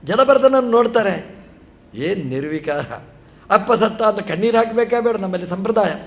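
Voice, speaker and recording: A man delivers a storytelling sermon in a high, light voice. He recounts a scripture tale, stopping to ask the listeners rhetorical questions and briefly voicing the characters' words. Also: expressive, moderate pace. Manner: narrates a scripture story, acts out short dialogue and asks rhetorical questions. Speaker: religious teacher giving a discourse.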